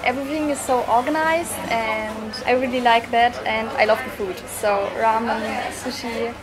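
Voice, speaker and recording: A woman's voice: on the high side, fairly even intonation, moderate pace. A young woman from Germany chatting as a guest at dinner, hesitant with many ums. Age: young adult. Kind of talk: casual chat. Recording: noisy crowded restaurant.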